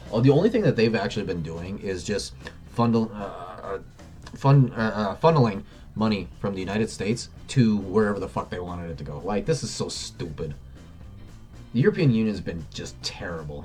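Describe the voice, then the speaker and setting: A young man co-hosting a podcast in casual political chat, animated and swearing, mocking others in put-on voices. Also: lowish voice. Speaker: podcast co-host.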